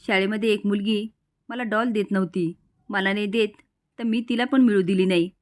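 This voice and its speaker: A woman's voice: mid-range voice, steady tone, moderate pace, close to an everyday voice. A woman voicing a jealous, possessive young woman who threatens her rival, in a storybook-style retelling of a drama. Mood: boastful. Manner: threatening, boastful.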